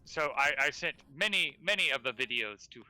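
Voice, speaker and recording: A man's voice: a little high, lively intonation, moderate pace, pushed and bright, faint music behind, poor audio. A man streaming a co-op game, chatting casually and teasing in a playful put-on Russian accent. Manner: joking, teasing banter. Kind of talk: casual gaming chat.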